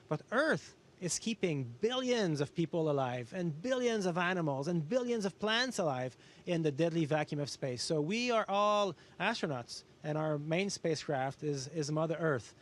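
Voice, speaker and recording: A man with a fairly high-pitched voice speaks as an astronaut fielding questions. He explains things in simple terms, reaching for everyday comparisons in an educational style. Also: expressive, moderate pace. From Canada. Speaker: astronaut guest answering students. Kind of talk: educational question-and-answer talk.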